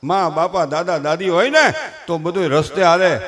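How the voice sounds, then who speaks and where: Older man, high voice, Kathiyawadi Gujarati accent; folksy stage comic who preaches as he jokes. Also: moderate pace, a bit bright. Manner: folksy, preachy, with rustic dialect. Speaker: folk comedian and speaker. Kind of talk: humorous stage talk with moral advice. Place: stage before a live audience.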